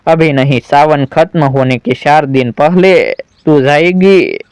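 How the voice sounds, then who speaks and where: A bossy, controlling mother-in-law, read out by a male storyteller in a storybook tale. The voice sits slightly high and moves very slowly. The sound is clean and dry. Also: a little mellow, smooth, no echo. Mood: stern. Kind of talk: storybook narration.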